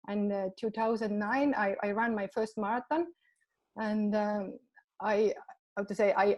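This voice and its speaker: Estonian woman, halting non-native English. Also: mid-range voice, darkish tone. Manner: halting, many fillers and restarts, non-native phrasing. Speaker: marathon general manager. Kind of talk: podcast interview.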